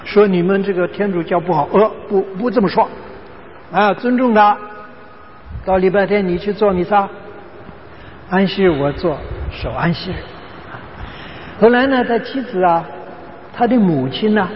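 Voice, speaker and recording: A male preacher telling a story in a sermon, earnest and emphatic, stretching out key words. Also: high voice. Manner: earnest, emphatic, drawn-out phrases. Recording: dull echoey hall with faint noise.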